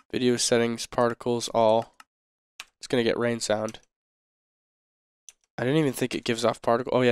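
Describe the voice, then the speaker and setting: A man with a sick voice, casually commenting on his gameplay as a video host, chatty and relaxed with many ums and uhs. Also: mid-range voice, clean tone.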